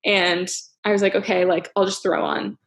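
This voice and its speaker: A woman's voice: lowish voice, level tone, moderate pace, creaky. A young woman hosting a casual podcast chat, rambling with lots of fillers and frequent laughs. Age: young adult. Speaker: podcast host.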